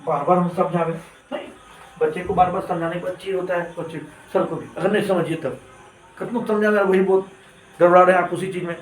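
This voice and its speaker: A man, a chemistry teacher telling his class a joke in an animated way. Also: high-pitched, a little fast, a little hiss or hum. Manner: animated, addresses students as beta. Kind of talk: classroom storytelling, joking. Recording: echoey classroom from far off.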